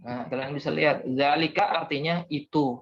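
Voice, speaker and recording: A man's voice: fairly high pitch, moderate pace, a bit bright, slight background noise. A young man teaching a class, patiently explaining step by step and calling on students. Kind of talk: online class lesson. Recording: dull lo-fi audio.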